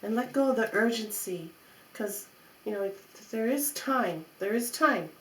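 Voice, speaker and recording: A woman's voice: on the high side, animated, measured pace, a bit bright. Woman giving mystical tarot reading, echoey room. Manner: repeats phrases for emphasis, coaxing and reassuring. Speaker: tarot reader. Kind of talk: mystical tarot horoscope reading, spoken off the cuff. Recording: roomy echo, faint background noise.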